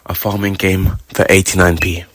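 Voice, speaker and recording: A British man vlogging about his writing in a casual, animated and jokey way, with sudden loud exclamations. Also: low voice, moderate pace. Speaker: writer vlogger. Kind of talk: casual chat.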